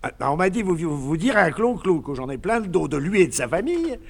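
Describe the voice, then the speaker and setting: A man's voice: on the high side, sing-song, fast talker, gravelly, heavily acted. Sweet clueless man fussing over his love, chattery, old 50s stage play, voice jumps all over. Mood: amused. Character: doting, fussy, naive middle-aged man. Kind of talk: 1950s recorded stage comedy.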